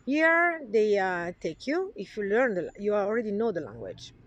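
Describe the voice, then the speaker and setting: A middle-aged woman with an Italian accent, chatting as an interview guest. She talks frankly with a wry edge and often stops mid-thought to find her words. Her voice sits at an ordinary middle pitch. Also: sing-song, fairly bright tone, lo-fi sound. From Italy. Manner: frank and wry, halting with frequent pauses. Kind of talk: casual interview chat.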